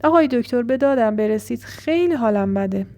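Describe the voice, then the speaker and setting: A woman voicing a wounded young woman who comes to a doctor at night, speaking in a quiet, plaintive way. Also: a little high, expressive. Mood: pleading.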